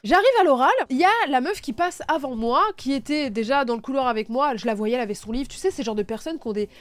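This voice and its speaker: A young woman talks through her life story in a casual vlog. Her voice sits a little high, and she is candid and sarcastic, with frequent laughs. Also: fast talker, no echo. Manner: candid and sarcastic, laughs often, lively asides.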